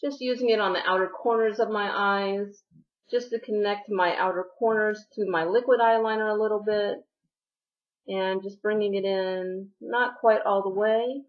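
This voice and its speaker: A woman's voice: medium pitch, fairly even intonation, normal speed, muffled recording. A woman beauty vlogger narrating a makeup tutorial, giving friendly step-by-step instructions while slightly losing her voice.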